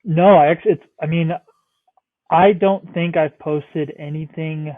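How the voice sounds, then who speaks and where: Fairly high-pitched and a little slow, with a steady tone, a man near thirty from the Northeastern United States chats as a podcast guest. He wanders off on tangents, fills gaps with "like," and swears a fair bit in this casual interview. The recording is dry, coming through a tinny remote phone line.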